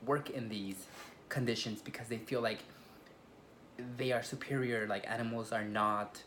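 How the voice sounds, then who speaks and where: A man's voice: medium pitch, fairly even intonation, moderate pace, a bit bright, slight background noise. A man co-hosting a conversational review, speaking in a casual, discursive way. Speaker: co-host reviewing a documentary.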